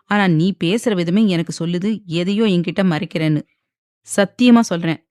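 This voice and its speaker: A woman's voice: lowish voice, darkish tone, dry recording, clean studio sound, natural voice. A woman voicing an angry young husband who speaks curtly and with a warning edge. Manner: curt, warning tone.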